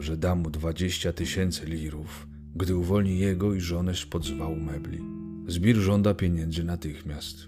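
A man narrating a literary story in a measured, solemn reading. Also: deep voice. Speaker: audiobook narrator. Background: guitar music.

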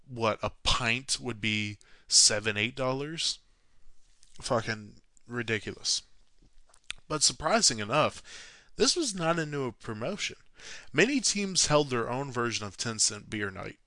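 A man's voice: medium pitch, pushed and bright, no echo. A man narrating a sports history story from a script, sarcastic and self-mocking, with frequent swearing. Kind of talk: read-from-script narration with jokey asides.

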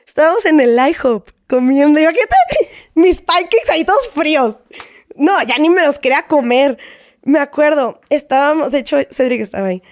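High-voiced Mexican woman telling a story. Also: moderate pace, no room sound, clean studio sound. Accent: Mexican Spanish. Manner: animated, acts out quoted exchanges, frequent tag questions. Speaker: guest telling a personal story. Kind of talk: casual conversational storytelling.

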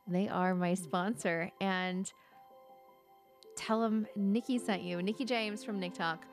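A woman's voice: medium pitch, steady tone, slow, soft background music. A woman hosting a podcast in casual chat, bubbly and laughing often. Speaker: podcast host.

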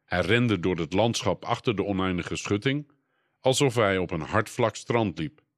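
A man with a fairly low voice narrates a children's adventure story at a calm, measured pace. The delivery is scripted and steady, and the recording is close and completely dry. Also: no echo. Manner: calm, measured read-aloud pacing. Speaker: audiobook narrator.

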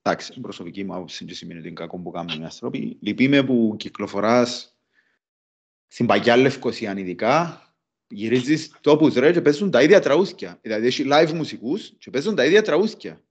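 A man's voice: medium pitch, expressive, breathy edge, muffled recording. A forty-year-old man with a Cypriot Greek accent, talking casually and colloquially, repeating himself for emphasis. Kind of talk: casual podcast conversation.

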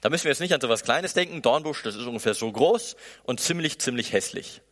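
A man's voice: mid-range voice, animated, fast, a bit bright. German preacher man in a reverberant hall. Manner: conversational, acts out inner voices. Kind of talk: sermon. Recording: echoey hall with long reverb.

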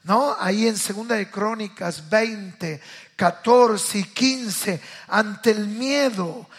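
A man with a Rioplatense accent preaching a passionate sermon, rising to loud calls and then dropping to hushed asides. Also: high voice, slow, husky. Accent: Rioplatense Spanish. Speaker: pastor.

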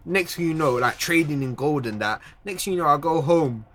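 A man's voice: a little high, expressive, fairly quick, a bit bright. A young man with a London accent and slangy roadman manner, hosting a casual group chat. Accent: London, multicultural street slang. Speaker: podcast host.

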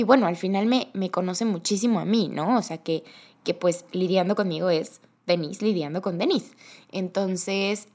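Young Mexican woman, chatty and animated host telling a story. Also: mid-range voice. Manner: chatty, animated, quick bursts with laughter. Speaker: podcast host. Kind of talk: casual storytelling monologue.

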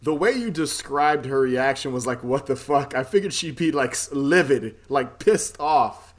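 A man's voice: mid-range voice, lively intonation, normal speed. A man in a mid-range voice hosts a casual podcast. He keeps the banter loose, laughing often and swearing freely as he steers the conversation. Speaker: podcast host. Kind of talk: casual chat.

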